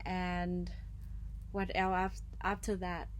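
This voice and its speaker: A woman's voice: on the low side, completely flat delivery, slow, a little hiss or hum. A woman hosting a podcast, asking long, rambling questions in a casual way and murmuring agreement often. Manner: chatty, rambling questions with frequent backchannel. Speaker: podcast host.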